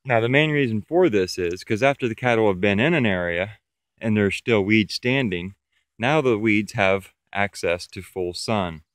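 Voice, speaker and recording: Low, clear-voiced farmer outdoors. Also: male voice, moderate pace, no echo. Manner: plain, matter-of-fact talk. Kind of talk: walking field tour, explaining. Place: outdoors in a pasture. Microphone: camera held while walking.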